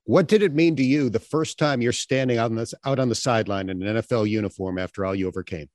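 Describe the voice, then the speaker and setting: A man hosting a podcast, asking a guest questions in a relaxed, easygoing way. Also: mid-range voice, fast talker, dry recording, studio quality. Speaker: radio broadcaster and podcast host. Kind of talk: interview questions.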